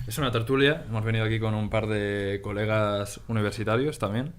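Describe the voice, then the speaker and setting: Young guy from spain hosting a chill chat, lowish voice, bit of background hiss. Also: fairly quick. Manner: relaxed, laughs often, restarts sentences. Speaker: podcast host. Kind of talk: casual chat.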